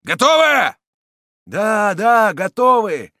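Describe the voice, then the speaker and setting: A man's voice: sits high, big pitch swings, slow, bright, forceful tone, dry recording, clean studio sound, voice pushed up, exaggerated voice. A man voicing a huge, brutal male stonebreaker who leads a mob, bellowing his commands in a thundering voice. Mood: roaring.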